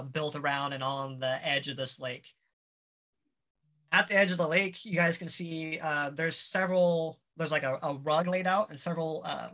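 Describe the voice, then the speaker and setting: A game master casually narrating a tabletop game in a halting way, searching for words. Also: medium pitch, fairly bright tone.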